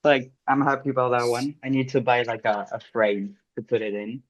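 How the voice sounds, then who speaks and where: A man's voice: medium pitch, flat delivery, brisk, highs cut off. A young man with a French accent, a podcast co-host telling a story in casual, rambling chat full of fillers. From France.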